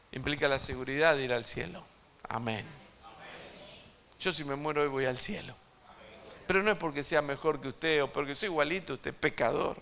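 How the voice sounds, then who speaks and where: A man preaching an evangelistic sermon to a congregation, emphatic and swinging between loud and hushed, asking his listeners direct questions. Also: a little high, creaky. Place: church service before a congregation.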